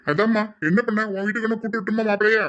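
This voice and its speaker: A man's voice: high voice, little pitch movement, rapid-fire, a bit bright, muffled recording. A man playing a worried, earnest middle-aged father. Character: middle-aged father, worried and set on marrying off his daughter. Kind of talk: hobby audio drama.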